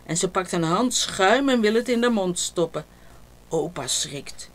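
A woman reading a children's picture book aloud, with slow, gentle, expressive narration. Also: on the low side. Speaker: storybook reader.

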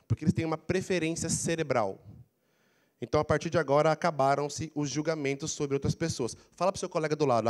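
Brazilian male coach, middle-aged, high-pitched and animated, handheld mic, lecture to a big hall. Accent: Brazilian Portuguese. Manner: animated, prompts audience to repeat phrases. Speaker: career coaching speaker. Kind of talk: lively motivational lecture. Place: large council auditorium. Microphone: handheld mic, walking the floor.

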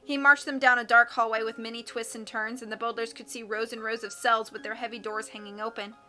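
A woman narrates a storybook aloud in a steady, expressive way. Her voice sits slightly high and sounds bright. Faint music plays behind her. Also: fast talker. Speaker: audiobook reader. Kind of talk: storybook reading.

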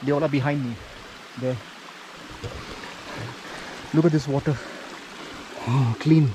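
A man's voice: medium pitch, steady tone, slow pace, dark tone. A man talking casually to his camera while hiking outdoors on a mountain trail, out of breath from the climb. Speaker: travel vlogger. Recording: noisy outdoor camera audio.

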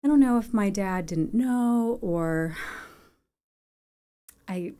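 A woman's voice: medium pitch, animated, slow pace, mellow. A woman in her forties, a guest on a studio podcast, talking in a reflective, rambling way with many fillers. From born in Japan. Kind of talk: casual interview chat. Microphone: boom mic on arm.

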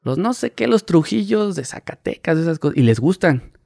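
Gravelly Mexican man telling stories. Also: a little high, normal speed, no room sound, studio quality. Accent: Mexican Spanish. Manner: animated, acts out quoted voices, laughs mid-story. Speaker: paparazzi guest. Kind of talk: casual interview storytelling.

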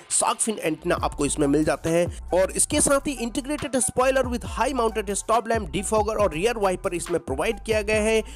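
A man with a fairly high voice presents a car walkaround review, working through features one after another at an even pace. Soft music plays faintly behind him. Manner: steady feature-by-feature listing. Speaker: car reviewer and channel host.

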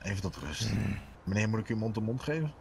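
A man's voice: lowish voice, animated, fast, heavy background noise. A man playing a polite, formal character in a game roleplay, stammering often. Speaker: roleplay player, hostage then medic.

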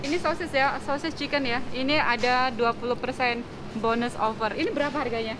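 A high-voiced woman vlogs while shopping in a supermarket and at outdoor market stalls, chatty, upbeat and giggly, calling her viewers "guys" as she talks fairly quickly with fairly even intonation. She holds a wide-angle camera at arm's length, and busy shop and market bustle fills the background.

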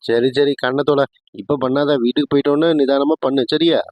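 A man's voice: mid-range voice, steady tone, fairly quick, darkish tone, dry recording, natural voice. A man voicing a grown son in a cartoon family skit, soothing his mother with mild exasperation.

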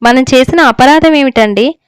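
A woman's voice: high voice, normal speed, clear, resonant tone, no room sound, lightly acted. A woman reading the lines of an anxious older mother who pleads with her husband for her son. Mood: pleading. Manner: pleading, tearful. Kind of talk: story reading.

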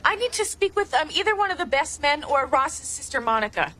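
Quirky, dreamy phone caller. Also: female voice, high voice, very animated, brisk, noisy background. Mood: pleading. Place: apartment kitchen, on a cordless phone. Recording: sitcom scene with laugh track.

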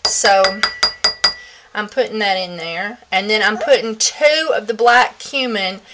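A woman's voice: mid-range voice, a little slow, heavy background noise. A woman talking casually through a homemade soap-making vlog, chatty and rambling with fillers, at home in her kitchen. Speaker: soap maker.

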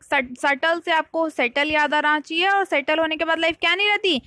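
Bright high-voiced woman teacher. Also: steady tone, no room sound, studio quality. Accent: Indian English. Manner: repeats key words and asks the viewer quick checking questions. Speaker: vocabulary teacher. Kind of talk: explanatory online lesson.

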